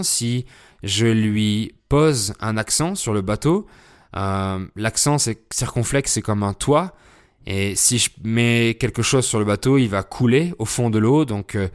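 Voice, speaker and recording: A man with a low voice hosts a podcast lesson for learners. He explains things slowly and deliberately, stopping often with fillers as he spells things out. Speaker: French teacher podcast host.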